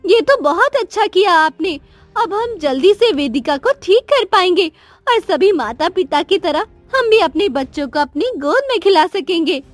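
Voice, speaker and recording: A woman voices a young queen in a Hindi cartoon story, using a very high, girlish pitch with lively intonation at normal speed. As an anxious, guilt-ridden mother she pleads earnestly and dramatically, full of anxious hope. Faint music plays underneath, with no echo.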